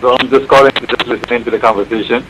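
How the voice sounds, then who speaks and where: A man calling in to a talk show over a call line that keeps breaking up, speaking in a hesitant, halting way. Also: medium pitch, fairly even intonation, a bit bright, slight background noise, low-quality recording. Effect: breaking-up call line, cutting in and out. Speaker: caller.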